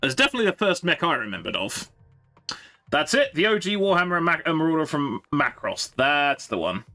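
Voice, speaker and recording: A man streaming a game, chatting to his viewers with a bright, forward tone. His pitch jumps around animatedly as he rambles and thinks aloud. Faint music plays underneath. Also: sing-song, fairly quick. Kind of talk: casual live-stream chat.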